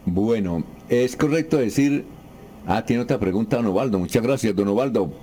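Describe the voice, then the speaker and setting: A man's voice: lowish voice, lively intonation, normal speed, warm tone, slight background noise. A man hosting a radio show, reading out listener questions casually and chatting with a guest professor. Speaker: radio host.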